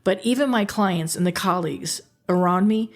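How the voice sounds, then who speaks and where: A woman's voice: fairly low pitch, normal speed. Earnest motivational woman in her sixties. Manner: earnest, repetitive, addresses listeners as friends. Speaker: podcast host. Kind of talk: motivational podcast monologue.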